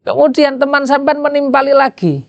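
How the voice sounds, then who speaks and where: A man's voice: very high voice, brisk, creaky, no echo, dull audio. Javanese-accented man teaching a kitab lesson. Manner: quizzes listeners with rhetorical questions. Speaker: Islamic jurisprudence teacher. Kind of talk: kitab lesson, reading and translating Arabic.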